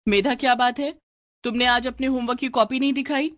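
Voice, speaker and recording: A woman's voice: high voice, steady tone, a little fast, fairly bright tone, dry recording, voice pushed up. A woman voicing a strict female schoolteacher who scolds her class sharply. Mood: stern.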